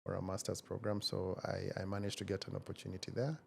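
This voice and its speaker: A man in his forties with a low, gravelly voice talks through his story at a measured, thoughtful pace. He pauses often to find his words, and a faint hiss of noise sits under the recording. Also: monotone. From Kenya. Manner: measured and reflective, many hesitations. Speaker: guest, tech founder. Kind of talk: casual interview conversation.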